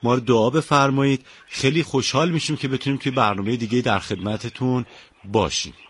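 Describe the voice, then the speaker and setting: A man's voice: mid-range voice, a bit bright, slight background noise. A man hosting a radio talk show who speaks politely and courteously, with frequent thanks and praise for his guest. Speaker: radio host.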